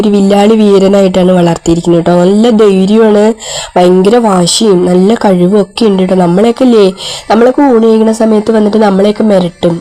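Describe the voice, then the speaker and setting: A woman's voice: fairly low pitch, dark tone. A woman narrating a casual pet vlog, her voice congested from a cold, chatty and often tagging sentences with "you know". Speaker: pet vlogger.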